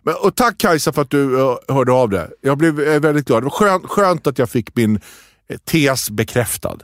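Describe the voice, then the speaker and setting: A man co-hosting a casual podcast chat, telling stories with lively acted-out quotes. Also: mid-range voice. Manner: lively storytelling, acts out quotes. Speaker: podcast co-host.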